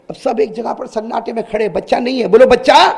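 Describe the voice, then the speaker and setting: High, gravelly preacher telling a story. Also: male voice. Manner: animated, prompting the crowd to answer. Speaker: preacher, Quran reciter. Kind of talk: dramatic religious storytelling sermon. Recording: long hall reverb.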